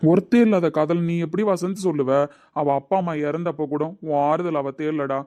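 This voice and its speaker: Casting: a man as an earnest young male friend, dry close sound, slightly high voice. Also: steady tone, normal speed, warm tone, no echo, natural voice. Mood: pleading. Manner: coaxing, earnest.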